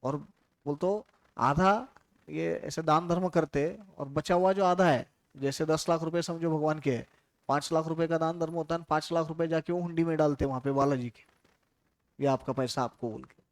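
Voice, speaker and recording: A man's voice: fairly high pitch, steady tone, normal speed, dry recording. A man from India giving a casual, chatty classroom lecture, telling stories and asking his students questions.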